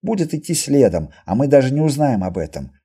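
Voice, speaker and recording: A man's voice: mid-range voice, very animated, a little fast, dark tone, slightly rough. A man voicing a level-headed male merchant in an audiobook, speaking firmly and reasonably. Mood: reasoning.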